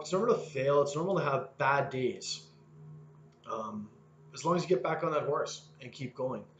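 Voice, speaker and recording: A man's voice: mid-range voice, slight background noise. Earnest man in his thirties, echoey room. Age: 30s. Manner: rambling, earnest, many fillers and restarts. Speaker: fitness vlogger. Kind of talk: casual motivational monologue.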